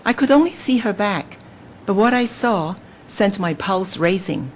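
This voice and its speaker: Medium in pitch, this woman's voice comes with a little hiss or hum. She is a Hong Kong novelist and native Cantonese speaker who reads a passage with liveliness and then, in measured fashion, answers questions hesitantly with fillers as an interview guest.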